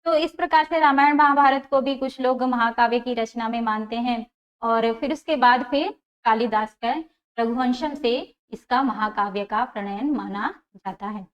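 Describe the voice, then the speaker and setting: A woman's voice: on the high side, moderate pace. A woman teaching an exam-prep lecture, explaining step by step, repeating key terms and asking and answering her own questions. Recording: dull lo-fi sound.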